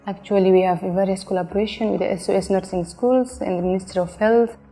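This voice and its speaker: Mellow-voiced woman in a reverberant hall. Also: mid-range voice, fairly even intonation, quick pace, faint music behind. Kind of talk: documentary interview.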